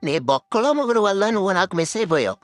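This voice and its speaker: A woman's voice: mid-range voice, animated, racing, loud music behind the voice, natural voice. A woman voicing a hot-tempered, insulting young man in a cartoon. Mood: angry, insulting. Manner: shouting insults, blunt.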